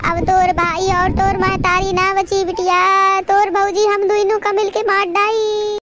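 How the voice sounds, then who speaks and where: Woman doing a shrill, weepy old mother in a cartoon, drawn-out pleading. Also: completely flat delivery, very noisy. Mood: fearful wailing. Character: elderly village mother, frightened, tearful, complaining.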